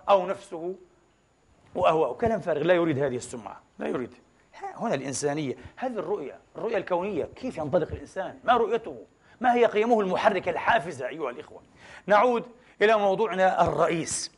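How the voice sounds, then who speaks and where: A man's voice: sits high, fairly bright tone. A man preaching a Friday sermon. He asks the congregation many rhetorical questions and mixes formal with colloquial dialect and foreign words.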